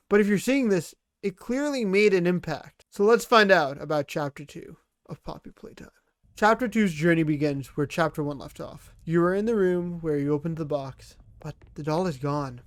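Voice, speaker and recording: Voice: medium pitch, dry recording. A gaming video creator narrating a casual scripted game recap in a blunt, sarcastic and dismissive way.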